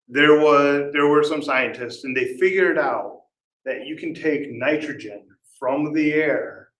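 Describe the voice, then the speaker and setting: In an echoey conference hall where he sometimes sounds far off, a man delivers a relaxed talk, testing the audience with questions and poking fun at himself. His voice is mid-range and fairly bright.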